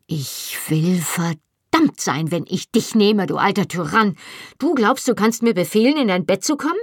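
A reader voicing a defiant young wife who shouts back at her husband in outrage. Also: on the low side, lively intonation, slow pace, breathy edge, no room sound, studio quality, exaggerated voice. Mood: furious.

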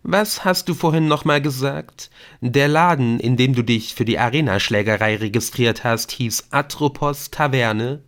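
A man voicing a theatrical, riddle-loving man in an audiobook, teasing and mock-dramatic. His voice rides noticeably higher and louder than the narration. He leans into each line with playful showmanship. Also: moderate pace, few pauses, natural voice. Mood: theatrical, explaining. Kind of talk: audiobook character voice.

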